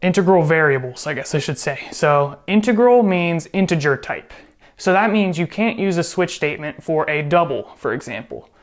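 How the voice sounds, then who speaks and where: A man's voice: on the high side, expressive, moderate pace. A man teaching programming in a casual screen-recorded tutorial, chatty and joking, often correcting himself as he goes. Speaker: programming instructor.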